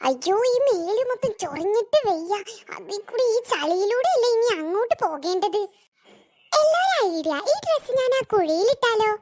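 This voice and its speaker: A woman voicing a scheming, mischievous young girl in a cartoon, who plots out loud and wails and whines. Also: very high voice, very animated, moderate pace, dry recording.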